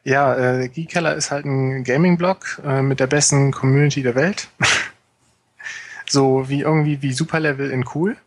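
A man guesting on a casual gaming podcast, joking and relaxed, with hesitant fillers. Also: mid-range voice, normal speed.

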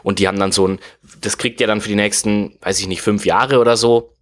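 On a casual podcast, a guest with a fairly low voice holds forth on the history of the game industry. He speaks fairly quickly in a steady tone, rambling at length and stuffing his talk with fillers and hedges.

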